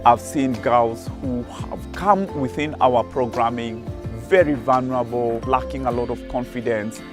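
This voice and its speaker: A man's voice: medium pitch, unhurried. A man, the executive director of a charity, speaking earnestly and with emphasis in a documentary interview. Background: music.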